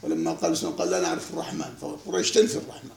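A man's voice: sits low, big pitch swings, very fast, creaky, a little mellow, echoey room, a little hiss or hum. A man teaching a classical text, lecturing with rhetorical questions and laughing asides. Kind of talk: spontaneous lecture commentary.

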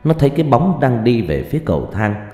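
A man narrating a ghost story, slow and dramatic, hushed on suspense, with roomy reverb and faint music. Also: mid-range voice, very animated.

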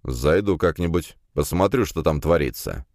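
Curt, grumbling middle-aged rector, read by a man in a low voice. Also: expressive, normal speed, a little mellow, no echo, studio quality. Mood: irritated. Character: grumpy middle-aged male university rector.

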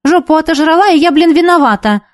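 A brash teenage ballet girl with a high, jeering voice, as a woman reader puts her on. She talks loudly and mockingly, swaggering and boastful. The sound is close and dry. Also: lively intonation, fast, no echo. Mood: taunting. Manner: loud, taunting, boastful.

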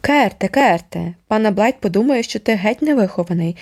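A woman reading an audiobook and voicing a calm, good-natured aunt who mothers a big, unruly family. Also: fairly low pitch, a little fast, slightly rough. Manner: calm and easygoing.

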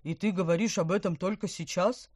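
A woman's voice: lowish voice, steady tone, brisk, darkish tone, slightly rough, no room sound, clean studio sound. A woman reading a storybook aloud and voicing a fretful old male carp who gurgles, stammers and scolds. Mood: indignant.

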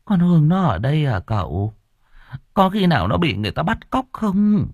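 A man's voice: a little high, very animated, normal speed, no room sound, phone-quality sound, pitched above the performer's own voice, heavily acted. A man voicing a frail, grieving old grandmother, stammering through tears in an audiobook. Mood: worried. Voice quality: husky, trembling stammer.

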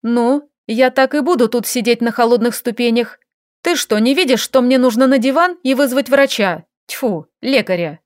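A woman's voice: on the high side, normal speed, dry recording, clean studio sound, close to an everyday voice. A woman voicing a fiery, capricious young noblewoman who talks in an indignant, demanding, snappy way in an audiobook.

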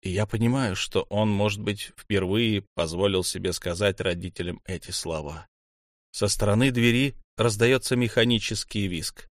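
A man's voice: fairly low pitch, normal speed, no room sound. Man narrating a novel, tense and dry. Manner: tense, urgent. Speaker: audiobook narrator. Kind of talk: first-person novel narration.

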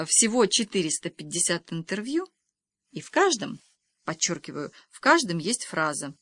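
A woman reading an audiobook, voicing a calm, wry father who explains his joke in a deadpan, patient way. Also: on the low side, dry recording. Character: calm, wry middle-aged father, dry joker.

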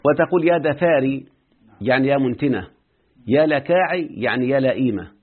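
A man with an Egyptian accent gives a quick classroom grammar lesson, repeatedly asking his students whether they understand. His voice is husky and breathy, and it comes through a narrow, phone-like recording. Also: medium pitch, lively intonation. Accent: Egyptian Arabic. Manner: quizzes students often with rhetorical questions. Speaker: Arabic grammar teacher. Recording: muffled phone-like lo-fi audio.

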